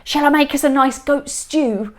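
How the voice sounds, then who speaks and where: A woman's voice: high-pitched, moderate pace, pitched above the performer's own voice, close to an everyday voice. A small-voiced timid troll, as a woman puts him on. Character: timid male troll cook, nervous and stammering.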